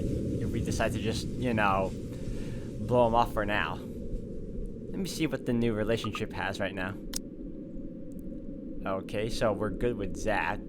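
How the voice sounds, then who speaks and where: This walkthrough host has a fairly low voice, and the recording is very noisy, with game music plainly audible underneath. He comments on the game and reads visual novel narration aloud in let's play style.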